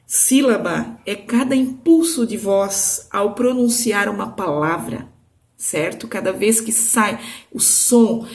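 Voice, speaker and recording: A woman teacher gives a video lesson to young children. She talks slowly and in a sing-song way, stretches key words, and keeps checking in with "certo?" and "né?". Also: medium pitch, creaky. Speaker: primary school teacher.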